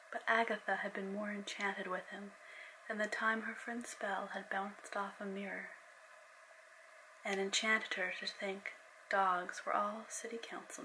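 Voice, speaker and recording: A young woman author reading her own story aloud in a soft, breathy, playful spooky voice. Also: mid-range voice, slight background noise, low-quality recording. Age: young adult. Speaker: romance author and channel host. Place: small indoor room, on a sofa.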